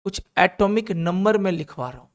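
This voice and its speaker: With a high voice, lively intonation and normal speed, an Indian-accented chemistry teacher encourages his class. He has students repeat lists back to him in call-and-response drills.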